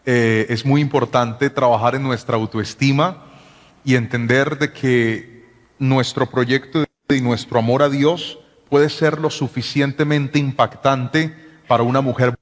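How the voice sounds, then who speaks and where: A man, a pastor, telling his own story and giving counsel in an animated way, with stammered repeats. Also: mid-range voice, measured pace. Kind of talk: personal testimony and counsel. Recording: long hall-like reverb.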